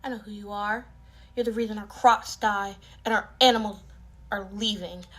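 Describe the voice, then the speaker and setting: A woman's voice: medium pitch, steady tone, moderate pace, a bit bright, close to an everyday voice. A woman voicing a brave young girl who wants to be a knight, speaking firmly and earnestly in a told fairy tale. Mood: defiant.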